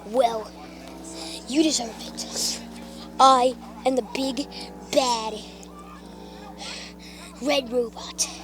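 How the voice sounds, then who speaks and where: A woman's voice: a little high, fairly even intonation, music in the background. A woman voicing a smug, gloating male robot villain in a toy play story. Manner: slow, gloating.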